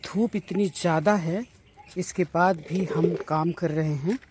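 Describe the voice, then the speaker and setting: A woman's voice: fairly low pitch, unhurried, noisy background. A woman gardening vlogger outdoors in her home garden in hot sun, chatting casually and explaining each step to her viewers. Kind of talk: casual how-to vlog.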